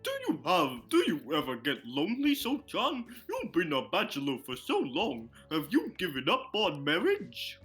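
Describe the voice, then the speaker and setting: A pushy, flirtatious cafe regular, voiced by a performer who keeps prodding with questions. The voice swoops wildly in pitch and sounds bright. Faint music lies underneath. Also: wildly swooping pitch, moderate pace, creaky, hardly any pauses, full character voice. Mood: teasing. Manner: nosy, teasing, swooping. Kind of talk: fan comedy dub.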